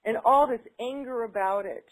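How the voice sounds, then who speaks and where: A woman with a slightly high voice and moderate pace takes part in a tapping session. She first repeats affirmations back, then chats casually, speaking hesitantly and filling her free talk with fillers.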